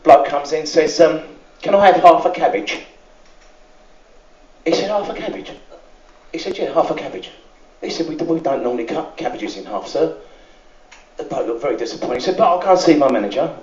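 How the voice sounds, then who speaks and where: Comedian telling jokes in a roomy lounge. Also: male voice, a little high, animated, brisk, darkish tone, a little hiss or hum. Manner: chatty, many "and, um" fillers, asks the crowd "isn't it". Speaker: stand-up comedian. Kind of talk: stand-up joke telling. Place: lounge on a cruise ship. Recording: roomy, muffled lounge recording from far off.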